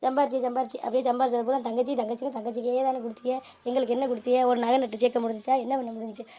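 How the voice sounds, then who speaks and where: A woman voicing a sharp-tongued, scheming middle-aged mother in a homemade cartoon, scolding her family. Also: a little high, little pitch movement, rapid-fire, natural voice. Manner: scolding, bickering. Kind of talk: cartoon voice acting.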